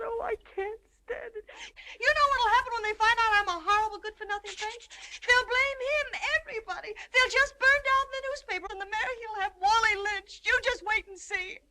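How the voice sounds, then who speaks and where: A woman's voice: very high-pitched, fairly even intonation, measured pace, a little mellow, no room sound. An American actress playing a melodramatic, guilt-ridden young woman in plaintive, theatrical 1930s screwball comedy film banter. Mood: exasperated, distraught.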